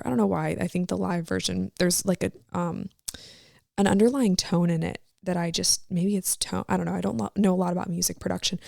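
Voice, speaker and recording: A woman's voice: fairly low pitch, vocal fry, darkish tone, dry recording, clean studio sound. A woman in her twenties hosting a casual devotional podcast, chatty and reflective, with lots of "like" and rhetorical questions. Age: 20s. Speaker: podcast host.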